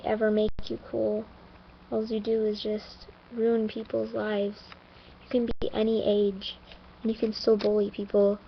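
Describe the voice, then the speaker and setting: Teen girl talking slow n halting, kinda high voice, muffled lo-fi home vid. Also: slight background noise. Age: teens. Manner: slow, halting, with many fillers and restarts; somber and earnest. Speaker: vlogger. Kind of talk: personal story told to camera. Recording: dull lo-fi home recording.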